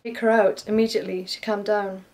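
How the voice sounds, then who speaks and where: A woman's voice: medium pitch, level tone, brisk, gravelly, darkish tone. A woman, a former care worker, steadily recounting a personal story in first person.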